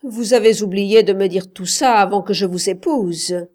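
A woman's voice: medium pitch, normal speed, darkish tone, lightly acted. A woman reading aloud gives voice to a bitter, jealous husband, questioning his wife with cutting sarcasm in a storybook reading.

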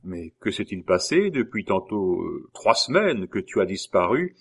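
A man reading the hushed lines of an impatient young prince in a storybook. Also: deep voice, very animated, vocal fry, slightly rough, exaggerated voice. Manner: hushed, hurried.

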